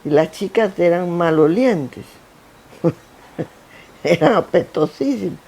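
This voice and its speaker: Her pitch fairly low and her delivery slow, an older woman from Guayaquil shares stories about her work as the interviewed founder of a foundation. The conversation takes place on a theater stage, and her coastal Ecuadorian Spanish is animated and anecdotal, with lists she repeats for emphasis.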